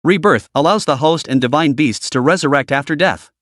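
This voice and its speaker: A man's voice: fairly high pitch, brisk, no echo, studio quality, lightly acted. A man voicing a game-like system interface that announces rewards and lists prices in a storybook recap. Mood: announcing. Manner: flat announcing, listing prices.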